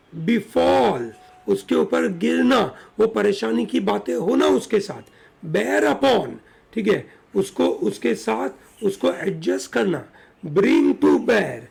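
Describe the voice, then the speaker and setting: A man's voice: high-pitched, creaky, darkish tone, slightly rough. A man with an Indian English accent teaching an online exam-prep vocabulary lesson, switching between Hindi and English and often asking "yes or no".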